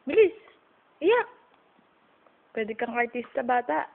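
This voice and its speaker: High-pitched woman teasing a baby nephew, slow talk, tinny phone video with faint hiss. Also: big pitch swings, vocal fry. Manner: teasing, playful, coaxing a baby. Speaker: aunt filming her baby nephew. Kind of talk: casual home video.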